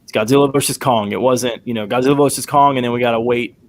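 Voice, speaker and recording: A man's voice: medium pitch, fairly even intonation, quick pace, a little hiss or hum. A man in casual chat, speaking hesitantly with many restarts.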